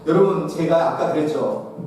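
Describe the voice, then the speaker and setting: A male pastor giving a humorous seminar lecture, lively, often questioning the audience and acting out little scenes. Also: on the high side, normal speed, crowd noise. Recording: echoey hall, distant mic.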